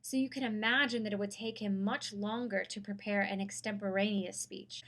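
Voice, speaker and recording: A woman, a public speaking instructor giving a clear, measured course lecture. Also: medium pitch, fairly even intonation, fairly bright tone.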